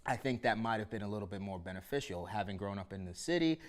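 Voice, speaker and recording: Laid-back low-voiced host from Harlem. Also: male voice, lively intonation, quick pace. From New York City (Harlem). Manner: easygoing, many "you know" fillers. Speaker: podcast host. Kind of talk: casual interview chat.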